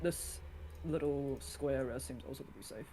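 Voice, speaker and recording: A game master with a mid-pitched voice runs a tabletop session. The delivery is informal, moving between rules talk and scene description. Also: moderate pace, warm tone, slightly rough, poor audio. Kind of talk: narrating a tabletop game, casual.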